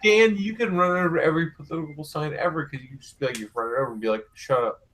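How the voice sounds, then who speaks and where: A man's voice: fairly high pitch, fast, a bit bright. A man in his thirties in a casual group voice chat, teasing the others and cursing. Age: 30s. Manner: teasing, profane.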